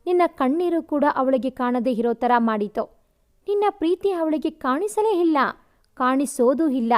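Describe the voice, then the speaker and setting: A woman's voice: high voice, animated, moderate pace, a little mellow. Storybook villain: a spiteful young man who gloats, read by a woman narrator. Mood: taunting. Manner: taunting, mocking. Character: gloating young male rival, scheming and spiteful.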